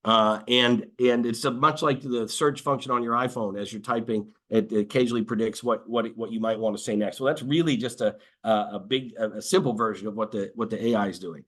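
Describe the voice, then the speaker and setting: A man's voice: lowish voice, a little fast, hardly any pauses, a bit bright. A man giving a webinar presentation as a lawyer, explaining in a conversational way with many fillers and restarts and occasional dry sarcasm.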